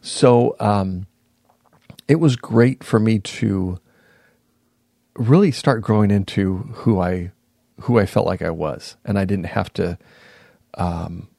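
A man in his fifties, a podcast guest, reflectively recounting his past in a casual interview, pausing and restarting sentences. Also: lowish voice, creaky, mellow, no room sound, clean studio sound. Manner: reflective, unhurried, often pauses and restarts mid-sentence.

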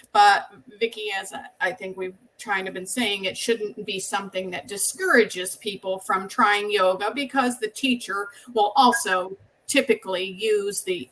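A woman hosting a podcast conversation, chatty and quick to laugh while leading through slides. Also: medium pitch, a bit bright, slight background noise, rough recording. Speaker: podcast host.

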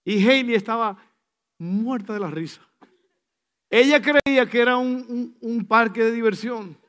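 High-voiced man preaching with animated swings. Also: unhurried. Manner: animated, acts out scenes with sudden shifts between soft and loud; drops in English phrases. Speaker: pastor. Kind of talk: sermon.

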